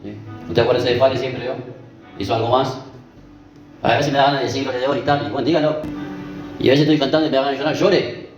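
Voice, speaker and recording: A man preaches a conversational sermon in an echoey church with music behind him, his mid-range voice fairly even in intonation. He talks quickly but pauses often, checking in with the congregation by repeatedly asking "¿vio?" and "¿sí?".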